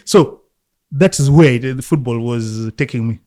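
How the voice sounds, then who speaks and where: A man's voice: mid-range voice, lively intonation, unhurried, darkish tone. Reflective Ugandan man telling stories. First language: Luganda. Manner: reflective, laughs often, many restarts. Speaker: interview guest, football coach. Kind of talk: relaxed storytelling conversation.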